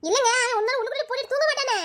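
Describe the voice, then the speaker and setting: A woman as a loud, high-pitched village mother. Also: rapid-fire. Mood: calling, worried. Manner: loud, scolding calls. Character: village mother, shopkeeper, calling out loudly.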